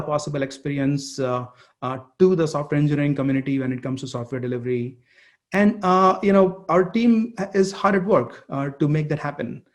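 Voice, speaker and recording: Delivering a product keynote as chief executive of his company, a man with a somewhat high voice speaks in a halting way, frequently repeating words and phrases.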